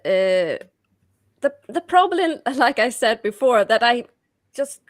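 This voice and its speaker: A woman's voice: on the high side, very animated, slow. A woman in a casual book club chat, hesitant and laughing, often trailing off.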